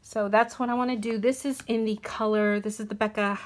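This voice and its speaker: A young woman chats casually to camera about her makeup, stopping often for ums and small corrections. Her voice sits at an ordinary middle pitch. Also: fairly even intonation, brisk. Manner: chatty, hesitant with frequent ums and self-corrections. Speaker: beauty vlogger. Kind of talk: casual product talk to camera.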